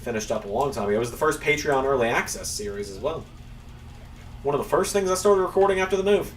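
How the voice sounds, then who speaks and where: A young gaming streamer with a high-ish, animated voice talks fast while playing a wrestling game, recorded from a distance. He chats casually with viewers in a rambling, self-mocking way, swearing along the way.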